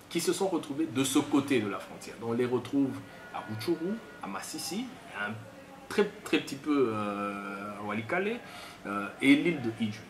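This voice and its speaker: A man from DR Congo's Kasai region, with a Congolese accent and a mid-range voice, comments on history in unscripted explanation. He teaches step by step, repeating points. The recording is from an echoey room with faint background noise.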